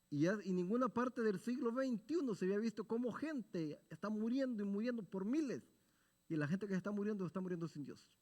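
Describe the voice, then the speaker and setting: A man's voice: high-pitched, a little mellow. A man teaching a Bible study sermon in an earnest, exhorting tone, asking his listeners rhetorical questions and answering them himself. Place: church sanctuary. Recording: long reverb of a church hall.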